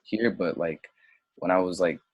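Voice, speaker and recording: Unhurried and slightly rough, the young man's low voice comes through a dry recording with the highs cut off. Raised in Senegal and a native French speaker, he rambles self-doubtingly as an interview guest in a casual conversation, then slips into heated digressions.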